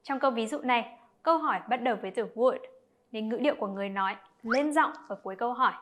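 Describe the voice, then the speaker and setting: A woman explaining an English lesson to children, talking to her pupils directly and clearly. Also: on the high side, quick pace, fairly bright tone, a little hiss or hum.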